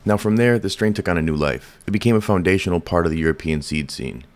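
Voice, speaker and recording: A man narrating a history in a steady, informative way, with light music behind. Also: low-pitched, fast talker. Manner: informative storytelling. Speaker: host. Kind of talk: scripted narration.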